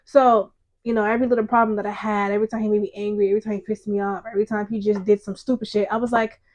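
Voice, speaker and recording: A woman's voice: mid-range voice, level tone, very fast, a little mellow. A young woman talking casually and telling personal stories in a slangy, conversational way, often acting out bits of remembered dialogue. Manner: slangy, conversational, quotes imagined dialogue as they talk.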